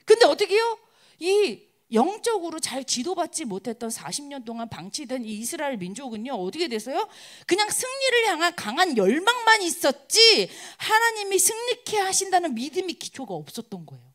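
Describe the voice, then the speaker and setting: Woman preacher, high lively voice, keeps firing questions at the students in her sermon. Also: a little fast. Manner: keeps asking the listeners rhetorical questions; animated, acts out quoted crowds.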